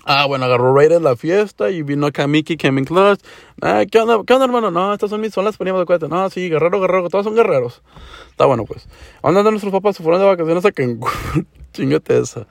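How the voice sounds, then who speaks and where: A man's voice: fairly high pitch, a little fast, no echo, studio quality. A young man with a northern Mexican border accent tells stories casually on his podcast in profane slang with Chicano-style English mixed in, acting out the dialogue. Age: young adult. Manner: acts out dialogue. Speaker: podcast host.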